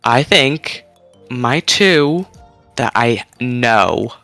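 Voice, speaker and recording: A man chatting as a guest on a recap show, excitable and goofy, reacting with gasps. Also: medium pitch, drawn-out words, no echo, faint music behind. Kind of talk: casual recap chat.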